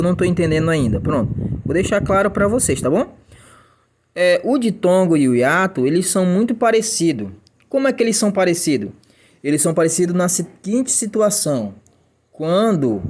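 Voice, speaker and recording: A man's voice: sits high, background noise. A Brazilian man teaching a grammar lesson in a chatty way, checking in with the class and answering imagined student questions.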